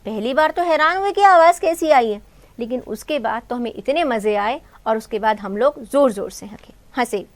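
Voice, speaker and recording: A woman's voice: on the high side, lively intonation, moderate pace. A woman teacher who retells a textbook story for students, asking questions and answering them herself. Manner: calls students "beta" and "bhai". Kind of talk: explaining a textbook story in Hindi.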